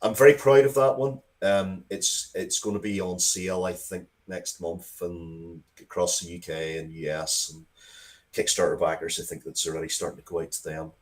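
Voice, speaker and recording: In an interview, a low-voiced male guest who writes comics and games speaks casually at a normal speed with a steady tone. His talk rambles, often breaking off mid-thought and restarting sentences as he circles back.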